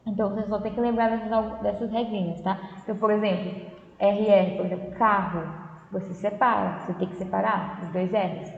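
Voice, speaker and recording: A woman's voice: medium pitch, steady tone, a little fast, creaky. A Brazilian woman teacher giving a lesson, explaining patiently and often checking in with her students. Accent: Brazilian Portuguese. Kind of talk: remote class lesson. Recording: echoey room, dull lo-fi audio, faint noise.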